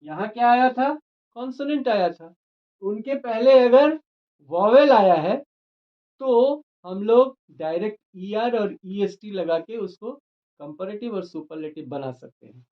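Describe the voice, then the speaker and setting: Male teacher, unhurried and methodical, explains grammar rules on a dull lo-fi recording. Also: high-pitched, expressive. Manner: slow and deliberate, spells words letter by letter.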